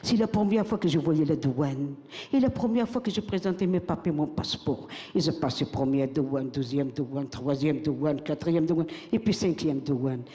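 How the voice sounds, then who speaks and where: On a stage, an older Moroccan woman recites her own spoken-word text to an audience in a soft, mellow, deep voice at normal speed. She repeats lines like a chant to build rhythm, and a big hall's long reverb rings around her.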